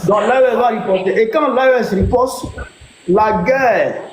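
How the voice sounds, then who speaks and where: Emphatic man, high voice, roomy echo. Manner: deliberate, emphatic restating. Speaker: host. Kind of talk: political discussion. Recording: roomy echo, faint ambient noise.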